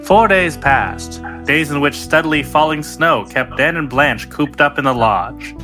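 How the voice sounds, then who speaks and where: A man's voice: fairly high pitch, measured pace, over music. A man narrating dramatically as an old radio announcer.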